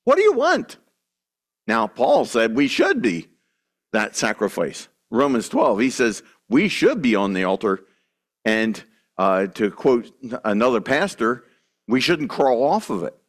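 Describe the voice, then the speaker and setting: A male pastor delivers a sermon in an earnest, emphatic way. He speaks slowly and with a lively, rising and falling pitch. He often restarts his sentences and turns to address his listeners directly.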